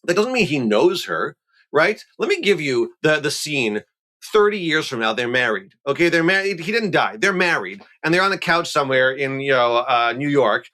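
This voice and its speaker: A man's voice: fairly high pitch, moderate pace. A man, a rabbi, talking on a podcast and arguing emphatically, building his point through everyday examples. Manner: animated, emphatic, argues with examples. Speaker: rabbi guest. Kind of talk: podcast discussion.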